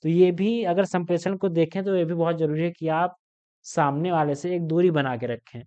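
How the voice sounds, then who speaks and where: A man's voice: a little high, steady tone, moderate pace, mellow, clean tone, highs cut off. A young man in his twenties teaching an online class, explaining with everyday examples and often checking in with his students. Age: 20s.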